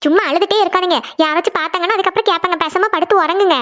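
Squeaky cartoon girls and their scolding big sister, all voiced by one woman, bicker fast and whine. The voice is extremely high, and the sound is dull and lo-fi. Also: pushed and bright, a little hiss or hum. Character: scared young girls and a scolding older sister.

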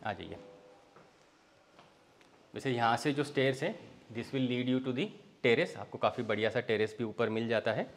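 A young man from India giving a walking tour of a villa's bedrooms, inviting the viewer along in an easy sales patter, mixing Hindi with phrases. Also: medium pitch. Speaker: real estate tour host. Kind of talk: property walkthrough. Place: indoors, large villa interior, walking room to room.

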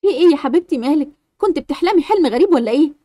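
A woman voicing a gentle, caring mother who soothes and reassures her daughter. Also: sits high, animated, very fast, no echo, clean studio sound, voice pushed down. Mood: soothing.

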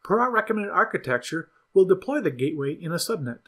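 A man narrates a scripted software tutorial as a product demo voice, his pitch slightly raised and his tone a bit husky. He speaks in a measured, instructional way, and lively pitch movement keeps every step clear.

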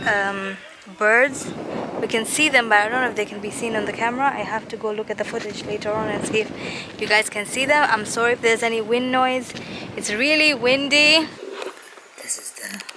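A young woman chatting enthusiastically to her viewers in a casual travel vlog, filming herself at arm's length outdoors in the wind. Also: mid-range voice. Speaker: vlogger. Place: outdoors on windy safari grounds. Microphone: handheld camera at arm's length.

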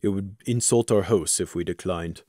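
A man's voice: moderate pace, no room sound, studio quality. A man voicing a dutiful male warrior pegasus who talks in a formal, recited way. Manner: formal, recited, low and quiet.

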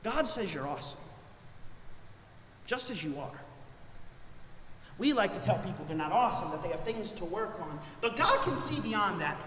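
High-voiced man preaching in an echoey church. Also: moderate pace, pauses often, a little hiss or hum. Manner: animated preaching, voice rising for emphasis. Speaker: pastor. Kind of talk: sermon. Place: church sanctuary. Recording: echoey church hall with long reverb.

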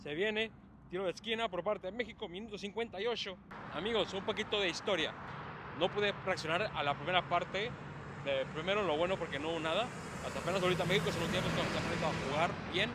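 A young man, reacting live to a match, calm play-by-play breaking into excited shouts, recorded outdoors in a city on a handheld camera. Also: high voice, quick pace, very noisy. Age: young adult. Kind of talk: live sports reaction commentary.

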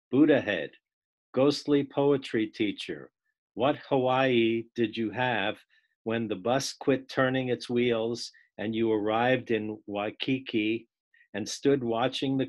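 A man taking part in a class on a video call, reading a poem aloud and then discussing it in a casual, halting way. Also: medium pitch, dull audio. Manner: unhurried, restarts words, laughs while reading.

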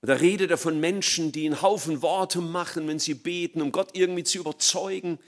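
A middle-aged man preaching an evangelistic sermon, swinging from loud emphatic peaks to hushed, low passages. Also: steady tone, fairly quick.

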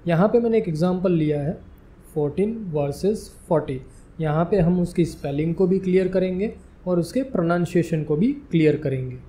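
A man's voice: on the high side, a little fast, warm tone. A man teaching a spoken English lesson, spelling words out letter by letter in a careful, explaining manner.

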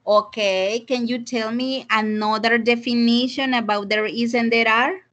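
A woman's voice: fairly high pitch, steady tone, slow pace, fairly bright tone. A woman with a Salvadoran Spanish accent teaching an English class over a video call, switching between Spanish and English and questioning students. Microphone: computer mic on a video call.

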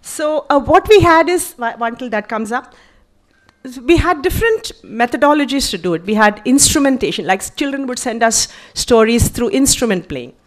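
A woman's voice: a little high, normal speed. Chatty woman. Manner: animated and chatty, with frequent little laughs and self-corrections. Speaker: author presenting her book. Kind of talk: conversational talk at a literary festival. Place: stage at a literature festival.

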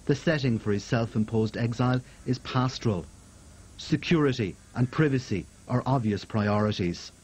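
A man's voice: mid-range voice, moderate pace, darkish tone, husky. A man reading a scripted television news report as voice-over.

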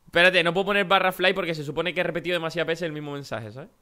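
A young man from chatting excitedly and joking while playing Minecraft with a friend. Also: fairly high pitch, rapid-fire. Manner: excitable, joking, shouts during jumps. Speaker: gaming channel host. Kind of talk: excited Minecraft let's play chat.

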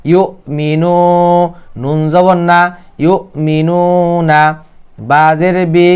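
A Bengali-speaking man teaching Quran reading, spelling each letter and vowel aloud, then chanting the verses slowly for learners to repeat. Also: fairly high pitch, little pitch movement, a little mellow, clean tone. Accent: Bangladeshi Bengali. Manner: slow drawn-out chanting of Arabic verses, then brisk spoken explanations.

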